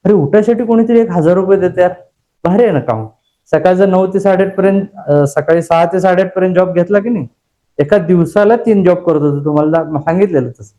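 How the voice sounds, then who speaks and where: This course trainer leads a motivational class in a high but mellow voice, talking fairly quickly and with emphasis. He hammers his points home with rhetorical questions to the room and mixes in personal stories, acting out his own inner voice along the way.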